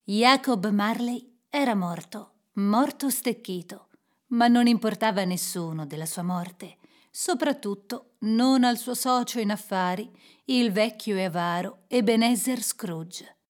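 A woman narrating a classic story in a calm, measured reading voice. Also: medium pitch.

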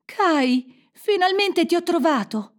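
A woman voicing a brave, tearful young girl in a storybook, high and pleading. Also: moderate pace, a little mellow. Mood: eager.

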